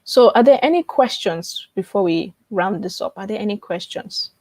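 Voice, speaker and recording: Speaking at a normal speed, this woman has an expressive, medium-pitched voice with a darkish tone. She's a publishing coach hosting a live webinar, casually teaching, promoting and fielding viewer questions while repeating key phrases and frequently checking on her audience. The sound is close-miked and dry, with hardly any echo.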